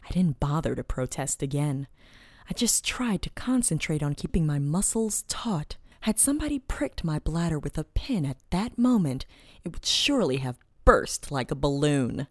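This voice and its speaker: A woman reads a first-person story aloud with dramatic expression, her fairly low voice swinging widely in pitch. She often sinks into a hushed whisper mid-sentence. The recording is close and dry. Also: very animated, normal speed, dry recording.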